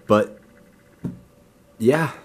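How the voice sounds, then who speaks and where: A young man with a raspy, just-woken-up voice, rambling casually as a vlogger showing off his games. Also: extremely slow, darkish tone. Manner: rambling, loose, lots of "like". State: just woke up, groggy. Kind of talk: casual unboxing chat.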